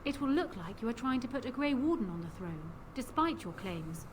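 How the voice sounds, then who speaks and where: With a slightly high, very animated voice, a woman speaks fairly quickly as a proud, calculating young queen in a fantasy video game. She delivers formal lines with commanding, assertive composure, and the game audio carries clear background noise.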